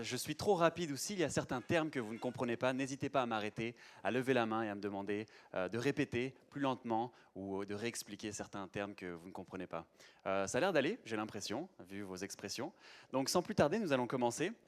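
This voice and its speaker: A young man speaks briskly at a medium pitch while presenting live to an audience in a lecture room. He's a chatty conference speaker, full of hesitations and restarts.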